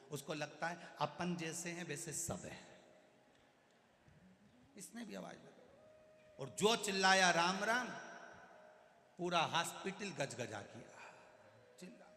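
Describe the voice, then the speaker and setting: A male preacher from Madhya Pradesh telling a folksy devotional story in an animated way at a live gathering. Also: fairly high pitch. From Madhya Pradesh, India. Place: large hall at a live religious gathering. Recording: echoey hall with long reverb.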